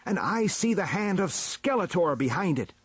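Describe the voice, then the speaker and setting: Mighty storybook warrior, as a man plays him: righteous and earnest, loud declamation, voice raised well up in pitch. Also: sing-song, moderate pace, slightly rough, dry recording, heavily acted. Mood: indignant. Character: mighty heroic adult male warrior, bold and righteous. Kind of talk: storybook character acting.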